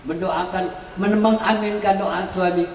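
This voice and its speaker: A high-voiced man preaches to a crowd at a wedding celebration, lively and joking, and he bursts into shouts as he acts out what people say. His voice comes from far off the mic and rings through a large echoey hall with a long reverb tail. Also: a little slow, vocal fry, slight background noise.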